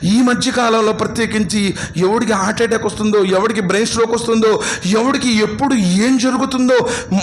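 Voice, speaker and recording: A man's voice: high voice, steady tone, brisk, a little hiss or hum. A man preaching a sermon, impassioned and full of rhetorical questions, calling his listeners brothers and sir. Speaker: Islamic preacher.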